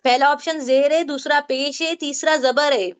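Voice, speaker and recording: Female tajweed teacher, high voice; patient and repetitive, sounds out each Arabic syllable slowly. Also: steady tone. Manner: patient, repeats questions and answers, drills Arabic sounds slowly. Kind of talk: online Quran recitation lesson.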